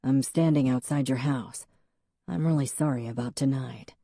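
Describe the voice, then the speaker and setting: A woman's voice: a bass voice, normal speed, dark tone, no echo, studio quality. A woman voicing a weary, apologetic young man in an audiobook.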